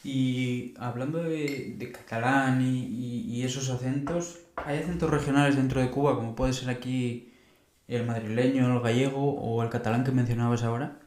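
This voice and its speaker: A man's voice: mid-range voice, fairly even intonation, moderate pace, a little mellow. Hesitant male podcast host. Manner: hesitant, searching for words while asking questions. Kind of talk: interviewing. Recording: roomy echo.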